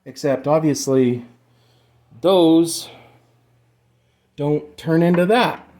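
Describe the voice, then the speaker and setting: In a fairly high, warm-toned voice, an amateur music gear demonstrator walks through a casual hands-on tutorial. He rambles, explains things loosely, and swears a bit.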